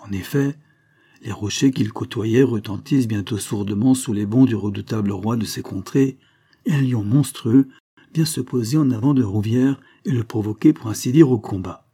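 Male audiobook narrator, deep and husky, measured storytelling read. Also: warm tone.

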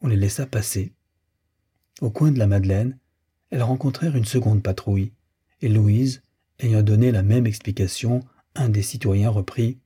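A man reading a classic novel aloud as an audiobook narrator, in a measured, even manner. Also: fairly low pitch, breathy edge. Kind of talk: scripted literary narration.

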